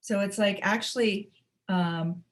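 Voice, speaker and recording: A middle-aged woman hosting a spiritual webinar, talking unscripted in a soft, halting way with many fillers and restarts. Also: mid-range voice. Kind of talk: unscripted teaching talk. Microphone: webinar microphone.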